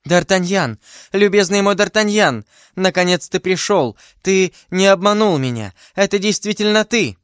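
Man playing a young woman, high-pitched, breathless, pleading, dry close sound. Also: animated, moderate pace, fairly bright tone, dry recording. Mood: joyful. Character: young woman, frightened and fading.

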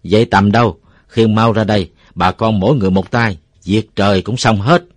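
A jovial older villager, as a man puts him on, loud and hearty as he urges everyone to pitch in. The storybook voice sits close to the mic in a dry recording. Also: normal speed, no room sound, close to an everyday voice. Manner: loud, hearty, rallying others.

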